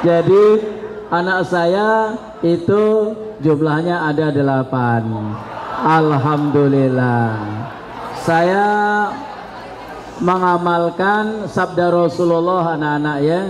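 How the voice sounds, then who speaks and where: A man in his fifties, an Islamic studies lecturer from South Sumatra, talking to students in a slow, chatty, joking way. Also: on the high side. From South Sumatra, Indonesia. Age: 50s. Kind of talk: classroom talk to students. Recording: reverberant hall with faint background noise.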